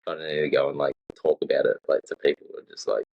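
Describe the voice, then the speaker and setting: Young Aussie bloke, deep fried voice, husky, casual swearing podcast chat, muffled lo-fi recording. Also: male voice, fairly even intonation, quick pace. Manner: rambling, swears a lot, acts out quotes. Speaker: podcast co-host. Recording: dull lo-fi sound.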